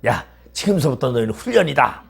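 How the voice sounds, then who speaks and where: A man's voice: medium pitch, big pitch swings, fairly quick, gravelly, slightly rough, full character voice. A man doing a stern mother eagle. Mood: commanding. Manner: firm, commanding. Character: stern mother eagle pushing her young to train.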